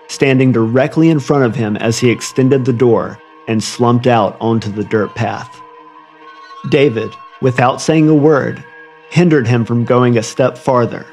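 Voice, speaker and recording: A man's voice: mid-range voice, darkish tone. Guy doing scripted true crime narration, ominous storyteller style, bit of music behind him. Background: music under the voice.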